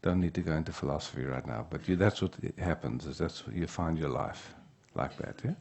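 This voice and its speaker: A man giving an unhurried spiritual teaching talk at a retreat. He often checks in with the room by asking "yeah?". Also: extremely low pitch, vocal fry, a little mellow, slight background noise.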